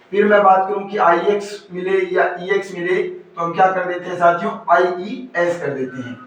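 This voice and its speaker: A man's voice: high-pitched, fairly bright tone. A male teacher giving an exam-prep grammar lesson, repeatedly asking questions and answering them himself. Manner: repetitive call-and-answer questioning. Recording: very echoey room, far from mic.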